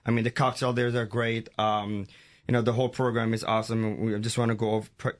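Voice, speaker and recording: A man from Morocco, a head mixologist answering interview questions in a halting way, with many fillers and easy laughs. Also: lowish voice, flat delivery. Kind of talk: casual radio interview.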